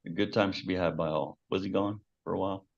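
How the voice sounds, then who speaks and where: Deep-voiced man co-host, dull lo-fi sound. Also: steady tone, quick pace, gravelly. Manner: joking, laughs often, loose and rambling. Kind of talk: casual live-show chat.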